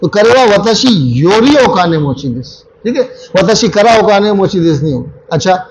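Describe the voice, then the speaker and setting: A man with a high, light voice teaches a grammar class, saying each phrase over and over. He keeps stopping to put questions to his students. A faint hum sits under the room sound. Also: animated, moderate pace, low-quality recording. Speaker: Japanese language teacher.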